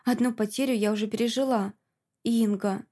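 A woman reads a first-person audiobook in a fairly high voice. Her narration is steady and expressive, carrying the story along at an even pace. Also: normal speed.

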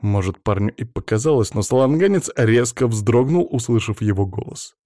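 A man reading a science-fiction audiobook in a lively, expressive way. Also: mid-range voice, normal speed, no room sound, clean studio sound. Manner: lively, voices many characters. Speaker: audiobook narrator.

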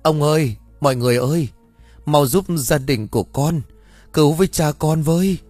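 A man's voice: mid-range voice, animated, brisk, a little mellow, no echo, faint music behind, close to an everyday voice. A man voicing a frightened young village girl who begs for help while sobbing. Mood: pleading. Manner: sobbing, pleading cries for help.

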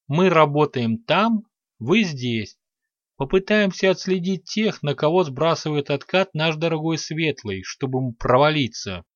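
A man's voice: a little high, no echo, muffled recording. A man playing a decisive male leader.

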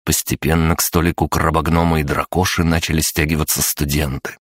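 A man narrating an audiobook in a steady, even storytelling manner. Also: extremely low pitch, no room sound, clean studio sound. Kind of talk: scripted narration.

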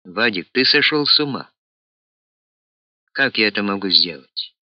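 A man voicing a gruff, hot-tempered colonel. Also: fairly low pitch, expressive, a little slow, no echo, highs cut off. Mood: exasperated. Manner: blunt, rough-spoken, bursts out indignantly. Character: gruff one-armed police colonel, blunt and hot-tempered.

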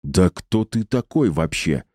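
Man doing a deliberate gruff colonel. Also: deep voice, sing-song, mellow, no echo, studio quality, exaggerated voice. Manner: measured and deliberate. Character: stern middle-aged male colonel, gruff and businesslike.

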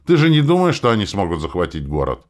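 A man's voice: deep voice, wildly swooping pitch, quick pace, voice pushed up. A man voicing Gross, a loyal teenage friend who asks indignant, pressing questions in an audiobook. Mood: questioning.

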